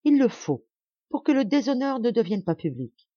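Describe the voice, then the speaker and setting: A woman voicing a proud, desperate young woman who speaks in a high, strained, insistent way. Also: big pitch swings, normal speed, mellow, no echo, dull audio.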